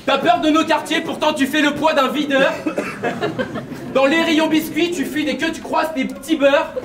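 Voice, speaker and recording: Brash high-voiced battle rapper in a crowd. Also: male voice, flat delivery, normal speed. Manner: brash, mocking, punchline delivery. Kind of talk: a cappella battle rap performance. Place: live battle event with crowd. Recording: echoey venue, distant mic, crowd noise. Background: crowd reactions and laughter.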